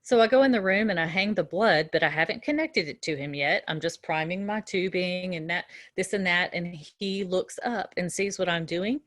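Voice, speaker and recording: A middle-aged woman teaching nursing students in a relaxed lecture, telling a story from her own work with fillers and restarts. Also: fairly low pitch, moderate pace, few pauses, dry recording, studio quality. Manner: conversational, with frequent fillers and restarts. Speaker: nursing instructor. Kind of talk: recorded lecture with a personal story.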